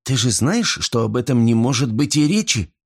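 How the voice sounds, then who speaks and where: A dry, mocking young woman tends the bar and ribs her customers. Her voice sits high and moves a lot, raised by a man reading her part. She sounds amused rather than warm. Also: sing-song, normal speed, husky. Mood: teasing. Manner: teasing, dry. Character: wry young woman bartender.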